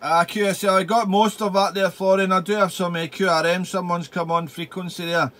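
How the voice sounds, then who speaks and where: High-pitched man chatting as a radio operator. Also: level tone, a little fast, fairly bright tone. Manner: repeats himself, spells out in phonetic alphabet. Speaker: amateur radio operator, channel host. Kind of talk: amateur radio contact, casual chat. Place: small home radio room.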